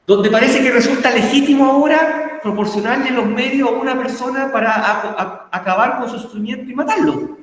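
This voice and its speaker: A man's voice: very high-pitched, a little fast. Echoey Chilean man teaching a class. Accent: Chilean Spanish. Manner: checks in often with "¿ya?" and "¿cierto?", asks the class questions. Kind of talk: online class lecture. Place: class video call. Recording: very echoey room with long reverb.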